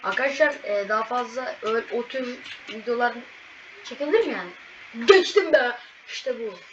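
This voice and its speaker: A woman commentating a video game as she plays, excitable and exclaiming at every fail and win. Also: a little high, fairly quick. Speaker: gaming channel host. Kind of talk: live gameplay commentary. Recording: distant, muffled mic with loud background noise.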